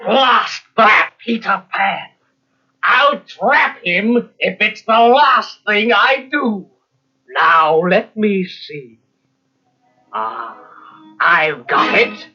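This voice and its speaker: A man playing a villainous, scheming pirate captain for a children's storybook, with theatrical, drawn-out menace. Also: high-pitched, sing-song, sharp tone, slightly rough, exaggerated voice. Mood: furious. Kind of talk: children's storybook read-along acting. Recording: muffled cassette with music behind.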